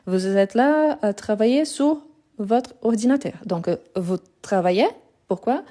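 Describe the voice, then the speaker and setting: A woman's voice: a little high, animated, measured pace, dark tone. A woman teaching a live grammar lesson over her phone, explaining patiently, repeating words and correcting herself as she goes. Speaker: French teacher.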